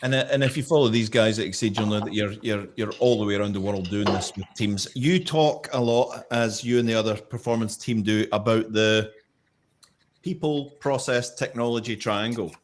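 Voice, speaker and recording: A man's voice: fairly low pitch, moderate pace, slight background noise. A man hosting a live-streamed industry show, friendly and upbeat as he introduces and questions guests. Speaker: host.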